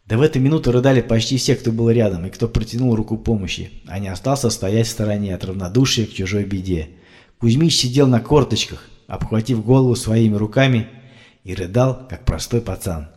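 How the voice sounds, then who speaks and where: A man reading an audiobook aloud, acting out shouted rescue dialogue as he narrates. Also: lowish voice, brisk. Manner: acts out shouted rescue dialogue, rising and loud for cries.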